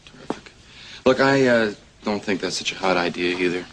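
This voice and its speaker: An actor playing a wry, protective young man in a 1980s soap opera, speaking dryly and sarcastically with halting fillers. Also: low-pitched, fairly bright tone, slight background noise, low-quality recording. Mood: wry, concerned.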